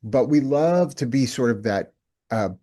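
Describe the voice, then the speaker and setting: A man's voice: medium pitch, expressive, a little slow, mellow. A male company president talking as a podcast guest, earnest and reflective, often restarting his sentences. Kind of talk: casual interview chat.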